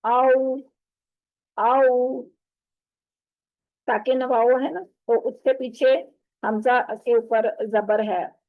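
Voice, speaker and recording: A woman teacher leads an online lesson, speaking very slowly and patiently as she models each sound. Her voice sits a little high. The audio is narrow and tinny, like a call line. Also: fairly even intonation. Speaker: Quran recitation teacher. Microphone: video call.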